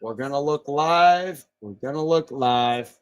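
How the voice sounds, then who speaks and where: Excitable man hosting a fight stream. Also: on the high side, unhurried, clear, resonant tone. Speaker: livestream host. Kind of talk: live fight betting commentary.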